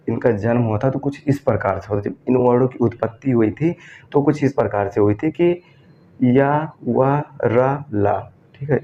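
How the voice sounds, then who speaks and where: A man teaching an exam-prep grammar lesson, asking questions and answering them himself and repeating key terms. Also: medium pitch. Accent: Hindi, from northern India. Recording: dull lo-fi recording with faint background noise.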